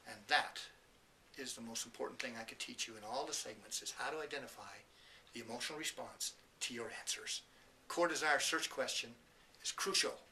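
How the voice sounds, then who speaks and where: Earnest motivational speaker, bright slightly distant voice. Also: male voice, mid-range voice, moderate pace, slight background noise. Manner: earnest, emphatic, storytelling with quoted voices. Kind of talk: motivational talk to camera.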